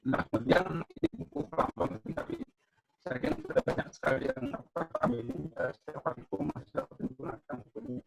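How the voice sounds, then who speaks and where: A man's voice: extremely high pitch, wildly swooping pitch, fast, gravelly, loud music behind the voice. A man giving an online university lecture in an explanatory way, often checking in with his listeners, over a bad connection where his voice keeps breaking up. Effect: choppy, breaking-up video call audio. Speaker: geology lecturer. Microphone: video call. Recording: dull lo-fi call audio.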